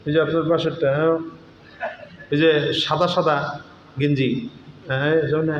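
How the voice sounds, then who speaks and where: A man with a Barisal Bengali accent preaches to an open-air crowd in a stern, scolding manner. His voice sits a little high and climbs to shouts on key points. The sound is roomy and echoing, with faint ambience behind it. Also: flat delivery, normal speed, muffled recording, slight background noise. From Barisal, Bangladesh. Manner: stern, scolding the audience mid-sermon.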